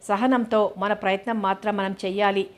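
A thoughtful middle-aged husband musing philosophically in a storybook reading, as a woman narrator puts him on. He reasons softly on a flat, steady pitch. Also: moderate pace, close to an everyday voice.

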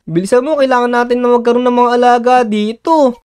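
A man hosting a Minecraft let's-play, bossy and excitable, often urging his partner to hurry. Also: very high voice, fast, slight background noise. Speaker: gaming channel host.

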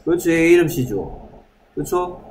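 A man's voice: on the high side, big pitch swings, a little slow, a little mellow, a little hiss or hum. A male English teacher who runs a class lesson, drilling words aloud and putting questions to his students.

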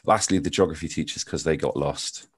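Low-voiced Bristol-accented man, dry sound. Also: brisk, slightly rough, no room sound. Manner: self-deprecating, jokey, chatty with frequent ums. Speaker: maths teacher performing card tricks. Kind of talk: casual chat and card trick demonstration.

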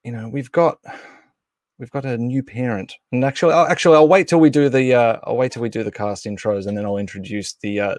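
On a dry, studio-quality recording, a man with a lowish, darkish voice hosts a livestream. He's in his thirties or forties and handles announcements and introductions casually, sounding unscripted and a bit hesitant.

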